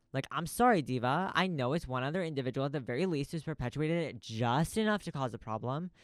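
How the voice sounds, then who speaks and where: A man hosts a casual podcast from a small recording studio, talking in a loose stream of consciousness. He swears freely and jumps from thought to thought in a long info dump. His voice is smooth and resonant at a middle pitch, recorded dry and close. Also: no room sound. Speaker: podcast host. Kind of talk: casual rambling monologue.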